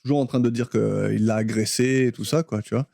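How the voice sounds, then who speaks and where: A man's voice: mid-range voice, fairly quick, vocal fry, no room sound. A man co-hosting a podcast, chatting casually about a film and acting out quoted lines as he goes. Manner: animated, acts out quoted lines in character voices. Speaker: podcast co-host.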